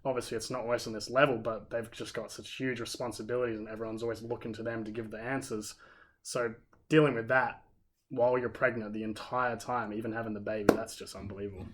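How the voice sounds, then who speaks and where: A man's voice: lowish voice, level tone, fast talker, fairly bright tone. An Australian man in a casual podcast chat, giving firm opinions and leaning on "like" as he talks. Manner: opinionated and emphatic, leans on "like".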